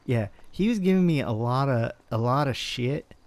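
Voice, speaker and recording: A man in his twenties with a medium-pitched, darkish, expressive voice chats casually in character during a roleplay. He talks at a moderate pace as a rambling storyteller who keeps interrupting himself and restarting, with no echo.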